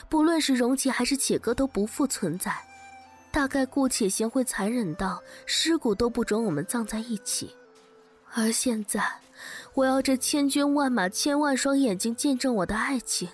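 A woman's voice: fairly high pitch, moderate pace, slightly rough, soft background music. Emotional woman reading an audiobook. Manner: emotional, breaking into tearful cries in quoted dialogue. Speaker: audiobook narrator. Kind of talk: scripted first-person narration.

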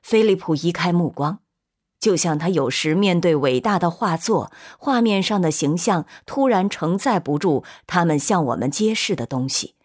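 A woman narrating an audiobook in a measured, steady reading voice. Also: on the low side, husky.

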